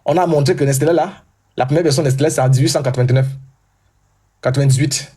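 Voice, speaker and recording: A man hosting a heated live debate, talking loudly and insistently and repeating himself. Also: medium pitch, fast talker, breathy edge.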